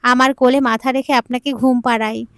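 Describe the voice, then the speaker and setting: A woman's voice: fairly high pitch, little pitch movement, a little fast, no echo, clean studio sound, lightly acted. A woman voicing a naive, playful young girl bride who chats in a childlike, innocent way. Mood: sweet, pleading.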